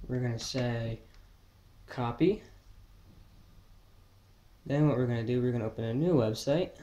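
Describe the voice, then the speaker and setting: Teen american guy doing a casual giveaway announcement for his channel, normal pitch, talks to viewers like buddies. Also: normal speed, mellow, lo-fi sound. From New Jersey, United States. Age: teens. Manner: casual, addressing viewers as guys. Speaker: fishing channel host.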